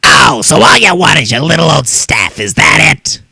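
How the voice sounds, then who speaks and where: Storybook troll: gruff, raspy, bright-edged little male troll, angry and sly. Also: on the high side, sing-song, normal speed, no room sound, pitched above the performer's own voice, exaggerated voice. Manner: snarling and shouting. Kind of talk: storybook read-aloud.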